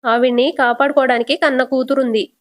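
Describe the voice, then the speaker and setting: A woman's voice: sits high, fairly even intonation, a little fast, close to an everyday voice. A woman voicing an older mother-in-law who scolds her daughter-in-law. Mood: scolding. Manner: scolding, reproachful.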